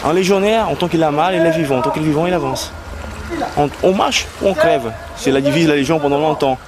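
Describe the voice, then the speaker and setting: A man's voice: a little high, fast talker, a loud crowd. A man working as a military instructor, giving candid remarks in a hard, blunt, unsympathetic manner. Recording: very noisy outdoor field recording.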